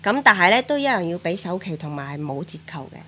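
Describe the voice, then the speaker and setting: A woman's voice: fairly low pitch, sing-song, fast talker, fairly bright tone. A woman, chatting casually and explaining things to the group. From Malaysia. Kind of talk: casual chat, explaining life back home.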